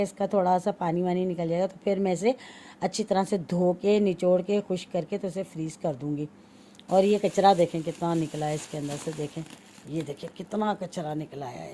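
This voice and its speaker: A woman's voice: mid-range voice, warm tone, a little hiss or hum. A woman from Pakistan vlogging in her home kitchen, chatting to viewers while she cleans and cuts vegetables, often telling them to look. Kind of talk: casual chat to viewers while cooking.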